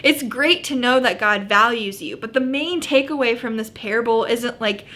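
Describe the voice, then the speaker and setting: A woman's voice: on the high side, normal speed, sharp tone. A woman preaching as an upbeat youth pastor, teaching in a casual, conversational way with earnest encouragement and plenty of informal filler words. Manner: casual, youthful phrasing with frequent "like".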